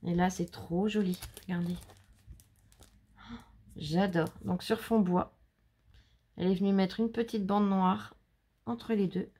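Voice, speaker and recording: A woman's voice: medium pitch, steady tone, measured pace, pauses often, warm tone, slightly rough. A woman from France, hosting a casual show-and-tell of handmade cards at home, chatty and gushing as she talks to her viewers. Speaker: scrapbooking channel host.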